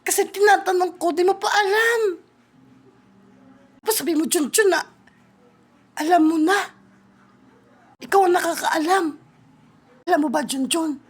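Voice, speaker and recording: High-pitched woman, slow playful skit voice. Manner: playful, teasing, quick back-and-forth with laughter. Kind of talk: comedic skit with several voices.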